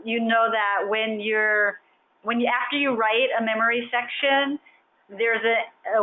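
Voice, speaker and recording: Woman hosting a webinar over a thin line. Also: fairly high pitch. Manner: friendly, explains at length. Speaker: webinar host. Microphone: video call. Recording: phone-like band, faint hiss.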